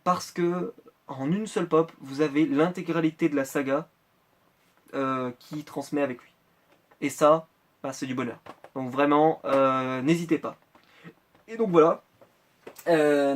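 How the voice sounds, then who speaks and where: A man from France talks on a close mic as he unboxes collectible figures. His voice sits a little high, and he rambles in a casual way, full of small hesitations and restarts. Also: fairly even intonation, moderate pace, long pauses. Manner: chatty, rambling with many hesitations. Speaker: Funko Pop collector vlogger.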